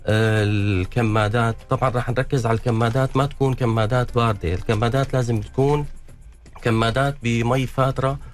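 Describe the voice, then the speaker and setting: A man with a Levantine Syrian accent answering radio interview questions as a doctor, halting and repeating words as he explains. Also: medium pitch, steady tone, soft background music. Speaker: pediatrician, studio guest.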